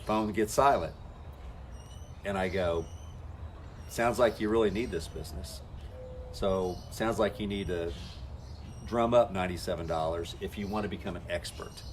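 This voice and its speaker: A man coaching network marketers talks to camera in a folksy way, playing out the conversations he's had with people. His voice is low and his speed normal, broken by long pauses, with a bit of hiss or hum in the background.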